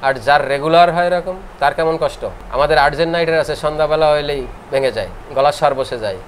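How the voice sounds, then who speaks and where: A middle-aged man from Bangladesh giving a classroom lecture, explaining points over and over and reciting verses slowly in a sing-song way. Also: fairly high pitch, slight background noise. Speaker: homeopathy lecturer.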